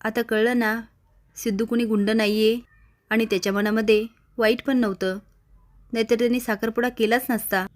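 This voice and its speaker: A woman's voice: fairly high pitch, steady tone, moderate pace, dry recording, natural voice. Woman reading as a coaxing younger sister. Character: young woman comforting her elder sister.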